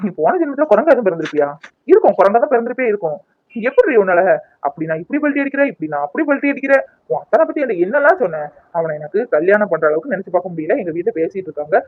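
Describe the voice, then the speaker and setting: A man playing a scheming, sarcastic young ex-lover in a cartoon, high and lively with quick, bright delivery. The sound is dull and lo-fi, dry and close. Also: no room sound. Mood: bitter, mocking. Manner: mocking, sarcastic, teasing.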